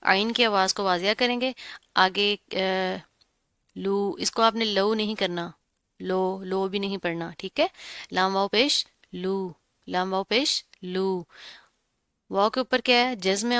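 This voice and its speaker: Woman teaching Quran recitation, very clear. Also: medium pitch, bright, forceful tone, no echo, clean studio sound. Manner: slow drawn-out recitation between patient step-by-step explanations. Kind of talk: tajweed lesson, explaining and reciting.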